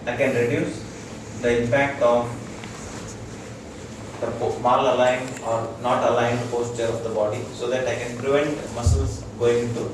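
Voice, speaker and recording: An Indian-accented man with a mid-range voice and little pitch movement talks at normal speed. As a doctor teaching integrative medicine, he gives an informal lecture to a small group in a room, explaining through short repeated phrases and checking comprehension. The noisy recording has echo and a faraway mic.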